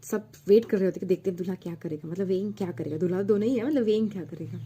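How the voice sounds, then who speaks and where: A woman retells a love story in a chatty, loose manner, full of fillers and asides. Her voice is mellow and warm at a middling pitch, and her delivery is casual and unscripted. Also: racing, a little hiss or hum. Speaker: storyteller retelling fan fiction.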